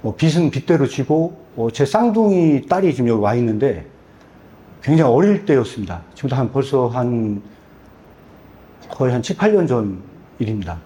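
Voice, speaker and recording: A man's voice: mid-range voice, very animated, normal speed, dark tone. A middle-aged man who translates and publishes books, giving a candid personal testimony at a church book talk. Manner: candid, storytelling with self-deprecating humor. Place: church hall.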